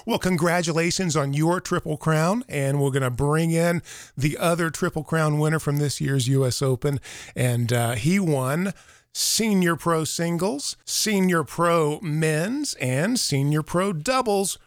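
A man's voice: fairly high pitch, unhurried, dry recording, clean studio sound. A man with an American accent hosting a podcast and interviewing guests. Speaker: podcast host.

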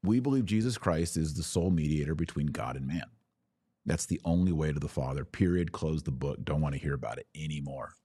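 A low-voiced man hosts a religious podcast, addressing listeners informally and directly, driving his points home with firm emphasis and acting out imagined dialogue. He talks a little fast, mellow with a breathy edge, in a very dry recording with no room sound.

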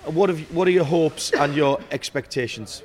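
A man's voice: fairly high pitch, normal speed, darkish tone. A man asking questions as the interviewer in a motorsport interview. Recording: background noise, ambient sound.

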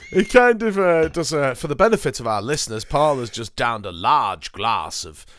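Bright-toned man rambling on a podcast. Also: mid-range voice, expressive, normal speed, hardly any pauses. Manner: rambling, hesitant, lots of ums, sweary asides. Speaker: podcast host. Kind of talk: casual chat.

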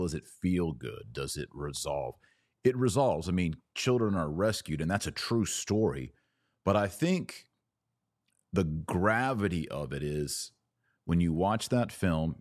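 A podcast host with a very low voice gives an earnest, animated monologue reviewing a film at normal speed. He leans hard on the words he wants to stress. The sound is dry and close-miked, with no echo.

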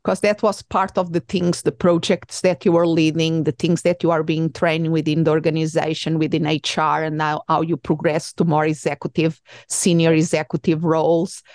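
A woman's voice: low-pitched, level tone, moderate pace, a little mellow, no room sound, clean studio sound. A woman from Portugal with a Portuguese accent, hosting an interview in a hesitant way with many fillers and restarts. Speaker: podcast host. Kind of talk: conversational interview.

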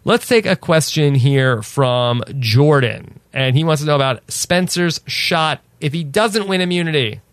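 Joking, quick-talking male podcast host. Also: fairly high pitch, animated, dry recording. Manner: quick, joking, laughs often. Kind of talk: casual podcast chat.

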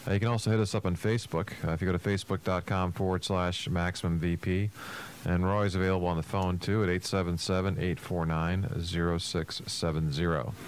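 A man's voice: deep voice, flat delivery, brisk, slight background noise. A man co-hosting a casual radio talk show as a business coach, speaking informally and rhetorically.

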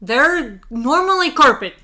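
Woman doing a wobbly fake french accent, madam who runs a saloon, broken english, high bright voice. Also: lively intonation, unhurried, heavily acted. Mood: matter-of-fact. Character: female French brothel madam, brisk and unbothered. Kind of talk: tabletop role-play.

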